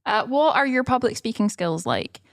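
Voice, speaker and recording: A woman co-hosting a comedy morning show, reading out quiz questions with playful deadpan asides. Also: fairly high pitch, moderate pace, no echo, studio quality.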